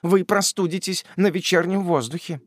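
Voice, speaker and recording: Fields: Voice: a man putting on a coy spinster aunt. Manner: fluttering, high. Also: big pitch swings, takes it slowly, no room sound, clean studio sound. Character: shy, sentimental unmarried middle-aged aunt.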